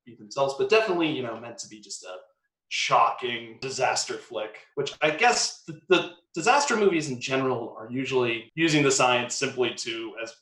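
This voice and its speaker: A man's voice: medium pitch, lively intonation, normal speed, a bit bright, reverberant. A man chatting casually about movies and science, rambling with lots of fillers and hedges. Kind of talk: casual chat.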